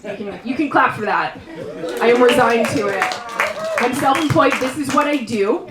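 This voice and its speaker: A woman performing a live stand-up set, self-mocking and wry, now and then breaking into shouted bursts. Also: a little high, moderate pace, a crowd in the background. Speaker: stand-up comedian. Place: small live venue. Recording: roomy live sound from a distant mic.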